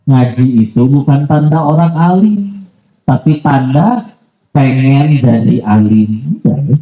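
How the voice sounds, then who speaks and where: A man's voice: mid-range voice, expressive, slow pace, echoey room, highs cut off, faint music behind. A man giving a casual, conversational sermon as a preacher, full of asides and polite apologies. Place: mosque.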